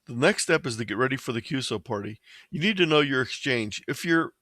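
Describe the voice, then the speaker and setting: An American presenter from Ohio delivers an amateur radio slideshow tutorial, animated and brisk yet plain and methodical in how he explains. His voice sits at an average male pitch and comes across pushed and bright. The recording is dry with very little room sound.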